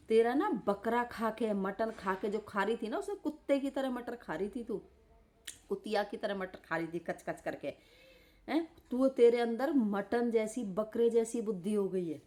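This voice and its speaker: A woman's voice: a little high, animated, unhurried, a little mellow. A woman live streaming from bed, scolding and insulting someone in an angry roast rant. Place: lying in bed.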